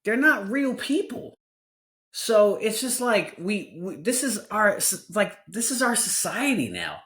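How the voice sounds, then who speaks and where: A man's voice: sits high, very animated, measured pace, a bit bright, reverberant. Earnest forty-year-old podcast host, a man. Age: 40s. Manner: candid and earnest, with frequent restarts. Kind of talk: casual podcast conversation.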